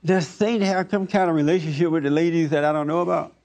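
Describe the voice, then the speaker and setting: Talking fast in a steady, slightly mellow voice on the high side, a man leads an informal preaching discussion. He's the host of the group, fielding questions from the audience. He speaks plainly and folksily, not minding his grammar much.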